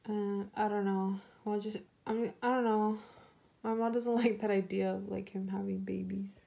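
A young woman talks casually to her vlog audience in a mellow, rounded voice. She rambles through stories and leans on "like" as she goes. Now and then she slips into cooing baby talk with her rabbit. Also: mid-range voice, flat delivery, normal speed, gravelly. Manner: rambling storytelling full of "like" fillers. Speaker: vlogger. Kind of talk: casual chat.

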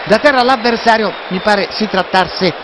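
A man giving breathless goal commentary as an excited, partisan football commentator who repeats his phrases. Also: high voice, normal speed. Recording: loud stadium crowd noise behind. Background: roaring stadium crowd.

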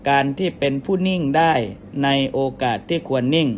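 A man, a Buddhist monk, giving a measured dharma sermon and explaining with everyday comparisons. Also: a little high, a little hiss or hum.

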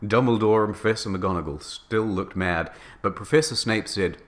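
A man narrating fan fiction aloud in a deadpan comedic reading, delivering absurd text earnestly and flatly. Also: fairly low pitch, moderate pace.

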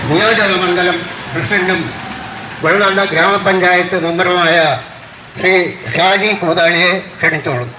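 A man's voice: high voice, fairly even intonation, a little slow. A man with a Kerala accent giving a formal public address as announcer at a political event. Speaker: local party event announcer. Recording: echoey, noisy outdoor setting with vehicles.

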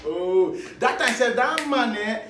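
Animated Nigerian Pidgin comic storyteller. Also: male voice, very high-pitched, slow pace, background noise. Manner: animated, chuckling through his tale. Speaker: comedian. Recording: roomy echo.

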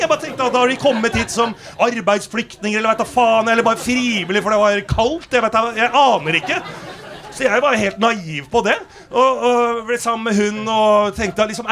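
A male stand-up comedian on a theater stage, telling a story in a brash, animated way with plenty of swearing. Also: sits high. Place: theater stage before a live audience.

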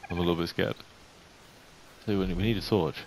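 A young man giving casual game commentary, chatting to the animals in the game and getting jumpy and excitable. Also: sits low, brisk. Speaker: gaming YouTuber. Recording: faint hiss.

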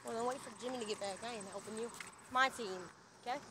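A woman's voice: on the high side, fast, background noise. A young woman chatting outdoors with a friend, blunt, sarcastic and swearing freely. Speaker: friend playing along. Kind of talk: casual chat while walking.

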